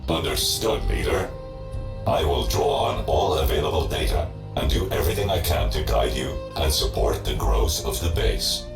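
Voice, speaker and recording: A rusty male robot, a loyal game base assistant with a glitchy robotic filter. His voice is extremely deep and gravelly, and its pitch swings widely. It sits in a roomy echo over game music. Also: expressive, moderate pace, exaggerated voice. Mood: dutiful. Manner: dutiful, formal reports. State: glitching, stuttering on boot-up. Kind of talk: video game voice acting.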